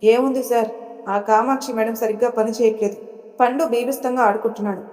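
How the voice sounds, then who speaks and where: Storybook role: woman reading a gossipy male driver, eager and chatty, mellow voice, some reverb. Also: on the high side, fairly even intonation, brisk, close to an everyday voice. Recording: reverberant room.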